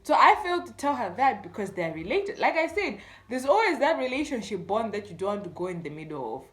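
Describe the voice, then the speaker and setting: In a sing-song voice that's on the high side, a little fast and a bit bright, a young Malawian-accented woman spins a tale for YouTube. She chats casually and dramatizes each line of dialogue, with echoey room sound around her.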